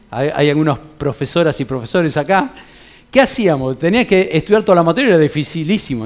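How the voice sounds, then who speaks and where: A middle-aged man with a Rioplatense accent, a pastor leading an evening church Bible study, preaching in a conversational way with homely anecdotes and colloquial asides. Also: high-pitched. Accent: Rioplatense Spanish. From Argentina.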